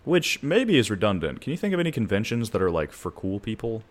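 Very deep-voiced blunt podcast man. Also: sing-song, fast. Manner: blunt, swears freely, tells stories. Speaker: podcast co-host. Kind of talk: casual comedic chat.

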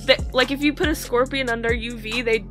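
A woman's voice: fairly high pitch, steady tone, a bit bright, faint music behind. A woman co-hosting a podcast, chatting casually and teasing, often through laughter. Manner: chatty, laughing, quick to tease. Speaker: podcast co-host, microbiologist. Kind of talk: casual chat.

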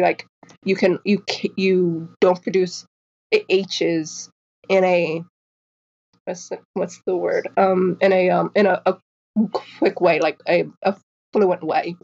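A woman in her twenties, a guest author, chats casually in an interview, telling animated stories and acting out the people she quotes. She stutters, repeating sounds and restarting. Her voice is fairly low in pitch, and the recording's highs are cut off.

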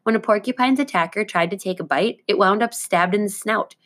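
A woman teacher reading a children's book aloud to her class, with clear, expressive delivery. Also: medium pitch, fairly quick.

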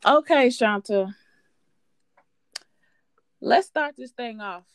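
Wisecracking woman, fairly high, dry. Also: lively intonation, takes it slowly, smooth, dry recording. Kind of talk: casual chat.

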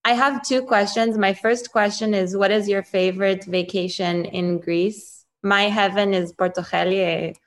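Mid-pitched woman asking conversational questions. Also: steady tone, moderate pace, few pauses.

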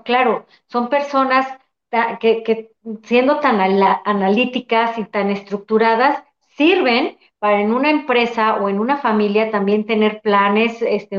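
A woman, hosting an interview, reflecting on what her guest said and offering frequent short affirmations. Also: on the high side. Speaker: host. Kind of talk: conversational interview. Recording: roomy, slightly dull audio.

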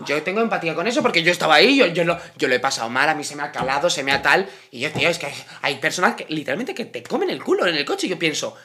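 Young guy on a podcast, talks fast, bright voice, trips over his words a lot. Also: on the high side, very animated. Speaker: podcast co-host. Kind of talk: casual chat.

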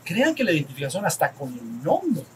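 Brief: Mexican man, spiritual teacher, higher voice, faint rumble behind, talks with a small group. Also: wildly swooping pitch, fairly quick, low-quality recording. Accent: Mexican Spanish. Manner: conversational, asks the group for assent, acts out little dialogues.

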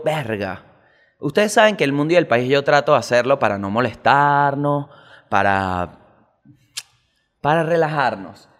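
Venezuelan man, higher voice, comic news rant, swearing and excitable, long reverb. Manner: rapid, swearing rants with big jumps in pitch. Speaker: host.

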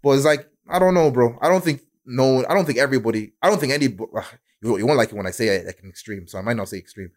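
A man's voice: medium pitch, animated, quick pace, few pauses. A young man with an urban London accent, chatting casually in slang and rambling through his thoughts. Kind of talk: casual group chat.

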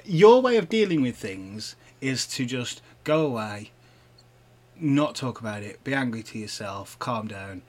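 Male co-host, playful arguer, lively intonation, laughs a lot. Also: medium pitch, unhurried. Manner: teasing, argumentative, laughs often. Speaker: podcast co-host. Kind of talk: casual couple banter.

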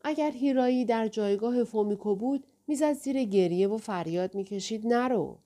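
A woman narrating a novel in a calm, steady reading voice. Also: fairly high pitch. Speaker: audiobook narrator. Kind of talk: scripted narration.

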